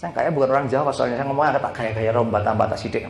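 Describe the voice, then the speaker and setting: A man preaching a sermon, telling a personal story dramatically, swinging from hushed prayer to loud exhortation. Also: medium pitch, very fast, gravelly, reverberant, slight background noise. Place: church hall.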